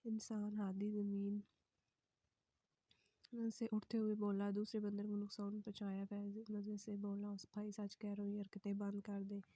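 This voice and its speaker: A woman reading a romance novel aloud in a soft, breathy voice that sometimes drops to a whisper. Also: mid-range voice, monotone, normal speed, no echo. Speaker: novel reader.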